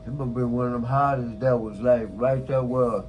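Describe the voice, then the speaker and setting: A man in a relaxed conversation, adding quick agreements and half-finished memories. He talks fast and runs his words together at an ordinary pitch. A faint low rumble sits behind his voice. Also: muffled recording. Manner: chiming in with short agreements, fast and mumbled. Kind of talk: casual chat.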